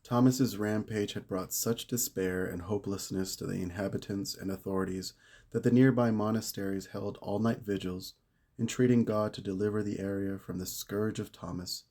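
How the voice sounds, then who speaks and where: A low-pitched man with a warm, mellow voice reads a story aloud. He tells it with measured drama and lingers on key words. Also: steady tone. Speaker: reader of a saint's life. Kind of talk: read-aloud narration.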